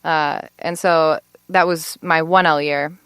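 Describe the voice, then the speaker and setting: A woman's voice: sits low, fairly even intonation, takes it slowly, a bit bright, smooth, dry recording. A woman in her twenties, a law student, chatting as a podcast guest with lots of fillers and easy laughs. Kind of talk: casual podcast interview.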